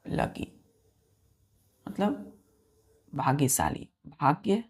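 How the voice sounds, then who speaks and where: A man teaching vocabulary, spelling each word letter by letter, counting aloud and repeating key words slowly for his students. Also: fairly high pitch, wildly swooping pitch, slightly rough. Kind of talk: vocabulary lesson.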